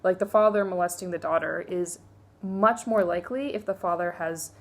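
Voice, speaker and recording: A woman's voice: lowish voice, moderate pace. A young woman casually reviewing books, chatty and candid, with lots of fillers and offhand asides. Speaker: book reviewer. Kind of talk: casual book review vlog.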